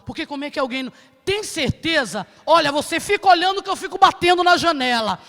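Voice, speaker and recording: A woman's voice: sits high, animated, fast, fairly bright tone. Woman doing an earnest, pleading church brother. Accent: Brazilian. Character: worried, persistent church brother. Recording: church hall reverb.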